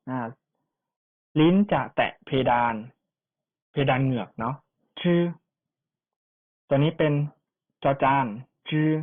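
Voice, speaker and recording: A language teacher giving an online pronunciation lesson, repeating each syllable for students to copy, with chatty asides. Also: medium pitch. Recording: tinny phone-like sound.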